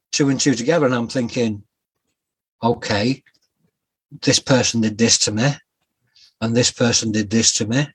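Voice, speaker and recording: A man's voice: mid-range voice, husky, dry recording. Reflective man, dry sound. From Yorkshire, England. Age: 40s. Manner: reflective, halting with fillers and restarts. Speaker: guest author. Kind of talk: personal storytelling interview.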